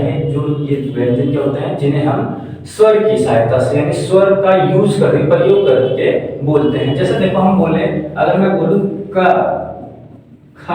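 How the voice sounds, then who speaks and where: A man's voice: on the high side, dark tone, a little hiss or hum. A man teaching a classroom grammar lesson, asking questions and answering them himself while writing on a board. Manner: writes on a board while explaining. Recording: echoey room, far from the mic.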